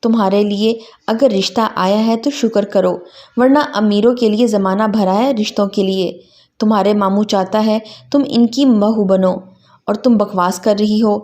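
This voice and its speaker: A woman's voice: medium pitch, steady tone, darkish tone, lightly acted. Woman reader as a stern, scolding mother in a storybook reading.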